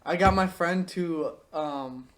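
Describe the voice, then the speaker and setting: A young man hosting a casual podcast, telling animated stories with laughter and quick impressions. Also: slight background noise. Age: young adult. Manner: animated storyteller, breaks into laughter and high-pitched impressions. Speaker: podcast host. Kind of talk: casual chat.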